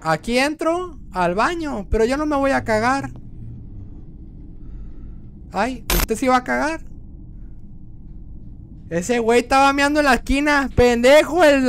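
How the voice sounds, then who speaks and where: Young male streamer, Mexican accent, high voice, rude banter, yelps at scares. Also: unhurried, long pauses, slight background noise. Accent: Mexican Spanish. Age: young adult. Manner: crude joking, talks back to game characters; yells when startled. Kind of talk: gameplay commentary.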